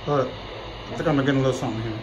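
A man working as a foot doctor, calmly explaining exam findings to a patient in a clinic. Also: mid-range voice, racing, muffled recording, heavy background noise. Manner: calm, explains findings plainly. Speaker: podiatrist.

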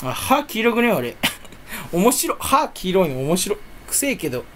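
Rambling young man, pitch swinging widely. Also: sing-song, normal speed, a little hiss or hum. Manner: rambling self-talk, jumpy and self-mocking. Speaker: video creator. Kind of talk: casual solo chat while browsing online. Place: indoors at home at a computer. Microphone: desk or headset mic, face on camera.

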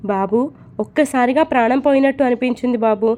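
A woman voicing a gentle, courteous middle-aged father in a told story. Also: on the high side, fairly quick, lightly acted. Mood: polite. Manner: courteous, deferential.

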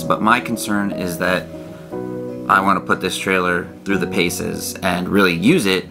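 Low, gravelly man chatting inside a small trailer. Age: 30s. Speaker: RV vlog co-host. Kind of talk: casual explanatory chat to camera. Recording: soft guitar music behind the voice.

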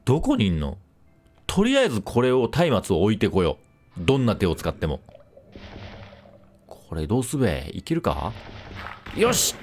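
Excitable man narrating his own gameplay. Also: on the low side, soft background music. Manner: excitable, panicky shouting and fast repeated exclamations; playful self-introduction with a mock-dramatic recap. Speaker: game commentator. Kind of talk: casual gameplay commentary.

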